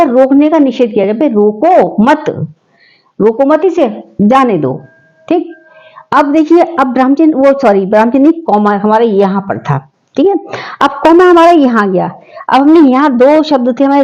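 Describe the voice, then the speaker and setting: A woman teaches a grammar lesson in a fairly high voice. She explains step by step and asks questions, then answers them herself. Her tone is mellow and the recording sounds dull and lo-fi.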